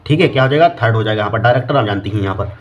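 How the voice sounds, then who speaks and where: A man teaching an exam-prep lesson who keeps asking and answering his own questions. He reads English exam questions aloud slowly, word by word. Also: fairly low pitch, dull audio, noisy background. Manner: repeats "here" and "okay" constantly, asks and answers his own questions.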